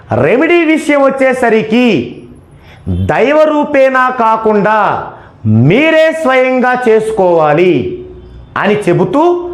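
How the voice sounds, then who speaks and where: A high-pitched man explains numerology with a lively, swooping delivery. He talks emphatically, posing questions and then answering them himself. His voice rings in an echoey room. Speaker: numerology teacher. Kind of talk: explanatory lecture.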